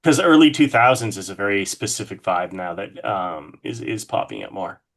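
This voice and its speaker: On a podcast, a man who is a horror artist talks horror films in a casual interview, enthusiastic and loose with his swearing. He sounds animated, with a fairly low, slightly bright voice at a normal pace.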